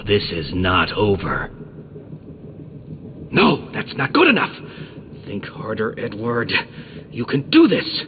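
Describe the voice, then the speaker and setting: An actor playing an arrogant, petulant genius villain in a video game, condescending, theatrical and obsessed with riddles. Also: male voice, mid-range voice, narrow, tinny audio, noisy background. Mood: bitter, threatening, then obsessive, scheming.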